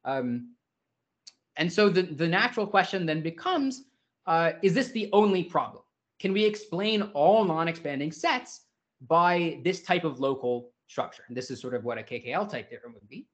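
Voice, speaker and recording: A man's voice: a little high, animated, normal speed. Man giving an informal math lecture. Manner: informal, hedging with "sort of" and restarts. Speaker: invited speaker. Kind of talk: academic seminar lecture.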